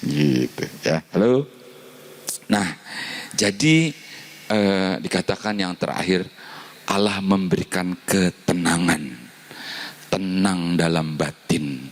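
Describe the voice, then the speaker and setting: A man's voice: low-pitched, animated, slow pace, pauses often. A male pastor preaching a sermon in a conversational, storytelling manner, acting out dialogue. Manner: conversational, with fillers.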